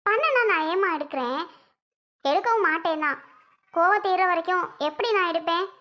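A woman's voice: extremely high pitch, moderate pace, bright, forceful tone. Woman playing a sulking pregnant wife. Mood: defiant. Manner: sulky, weary refusals.

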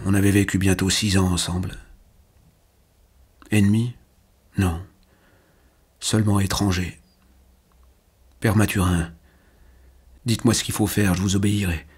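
A man reading a literary novel aloud as a first-person audiobook narrator, in a measured, quietly emotional manner. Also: low voice, breathy edge.

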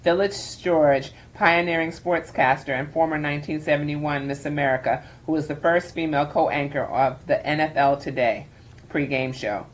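Low-voiced older woman chairing a board. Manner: measured and formal, with frequent ums. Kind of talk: formal meeting opening read from notes. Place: government boardroom, indoors.

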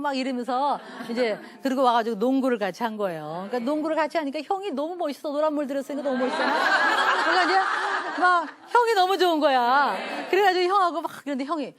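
A middle-aged woman professor giving a parenting lecture, telling anecdotes animatedly, acting out quoted voices and laughing often. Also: high voice. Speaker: professor teaching a parenting class.

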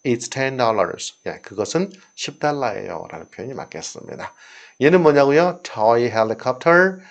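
A man's voice: mid-range voice, lively intonation, a little slow, creaky. A man in his fifties explaining English exam questions in a chatty lesson, laughing often and acting out dialogue lines.

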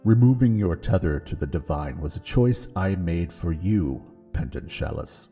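A man voicing an ancient dragon god who is calm and kindly, speaking slowly and solemnly. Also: sits low, soft background music, voice pushed down. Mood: gentle, solemn. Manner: slow, solemn, gentle delivery.

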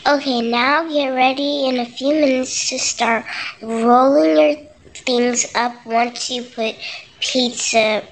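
Slightly high casual recipe voice-over. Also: female voice, steady tone, takes it slowly, low-quality recording. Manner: loose and conversational, with filler words. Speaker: vlog voice-over narrator.

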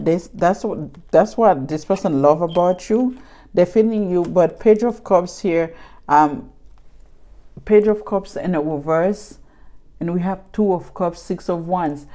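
A woman with a low, mellow voice gives a casual tarot reading to camera. She talks chattily, circling back over the same points and addressing her viewers directly. Her tone stays relaxed and warm-toned throughout. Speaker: tarot reader.

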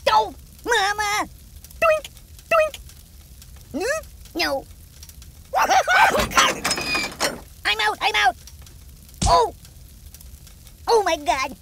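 A woman's voice: very high voice, wildly swooping pitch, extremely slow, creaky, pauses often, noisy background, exaggerated voice. A woman voicing a cheeky, whiny male ragdoll toy in a game, yelping, pleading and cracking quips in short bursts. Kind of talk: game character voice lines. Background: game music.

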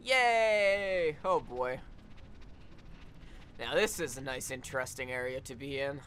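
A young man giving casual, profane gameplay commentary, getting excitable and swearing often as he plays. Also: mid-range voice, slow, a little hiss or hum. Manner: excitable, swears a lot, yells at the game. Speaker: let's play gamer.

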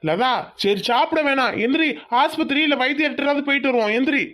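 A woman voicing a proud, stern village farmer father in a cartoon, demanding and slow to give in. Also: high-pitched, a bit bright. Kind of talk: cartoon voice acting.

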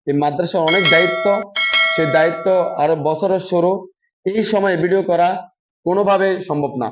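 A man teaching fellow madrasa teachers how to drill reading, drawing out each spelled syllable slowly and then dropping to quieter, lower asides. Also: low-quality recording. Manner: slow drawn-out spelling demonstrations with quieter low asides. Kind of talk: spoken classroom lesson demonstration.

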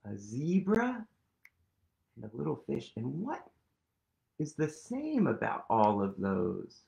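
With a creaky, slightly mellow mid-range voice, a man in his thirties reads a children's picture book from his sofa at home into a webcam. He's playful and sing-song, now and then dropping to a whisper.

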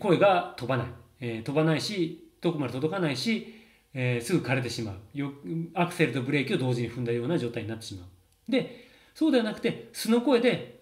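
A man's voice: on the high side, darkish tone. A man in his thirties, a voice coach explaining in a casual, chatty lesson with many fillers and laughs. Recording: roomy echo.

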